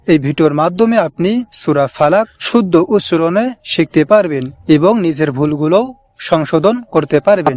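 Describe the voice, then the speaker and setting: A man teaching Quran recitation, talking to viewers and then slowly reciting and repeating each verse for them to practice. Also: a little high, a little mellow. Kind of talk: slow recitation lesson.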